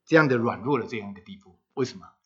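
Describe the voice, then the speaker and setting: A man's voice: medium pitch, lively intonation, very fast, bright, forceful tone, dull audio. Man preaching with sudden emphatic swells. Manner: rhetorical questions to the congregation, dramatic rises in volume. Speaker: pastor. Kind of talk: sermon. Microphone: handheld microphone.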